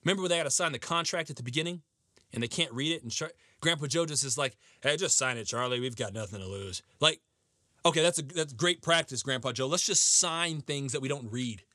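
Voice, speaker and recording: Bright-voiced man on a sarcastic rant. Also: a little high, fast, no room sound, clean studio sound. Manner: animated, sarcastic, emphatic. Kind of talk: comedic rant.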